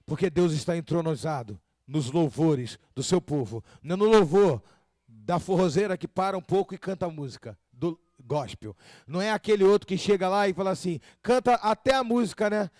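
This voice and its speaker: A man preaches in a high voice, the sound dry and close. He fires rhetorical questions at the congregation and slips into the voices of the people and prayers he quotes. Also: fairly quick, darkish tone, dry recording. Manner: acts out quoted speakers and prayers. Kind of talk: sermon.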